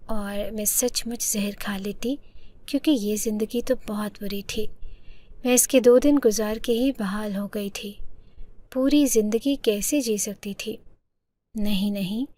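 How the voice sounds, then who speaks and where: A woman narrating a first-person story in a soft, partly whispered, emotional manner. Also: a little high.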